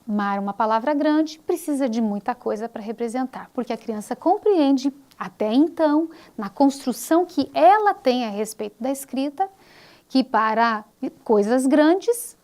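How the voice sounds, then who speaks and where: High-voiced woman teaching a course. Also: animated, darkish tone. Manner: explanatory, slows down to stress example words. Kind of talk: recorded online course lecture.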